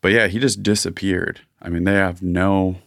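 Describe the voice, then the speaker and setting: A man's voice: low-pitched, steady tone, moderate pace, gravelly, a bit bright, no room sound. A man co-hosting a podcast, chatting casually and a bit rambly, with lots of "like" fillers. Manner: rambling, many "like" fillers, enthusiastic. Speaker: podcast co-host. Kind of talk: casual chat.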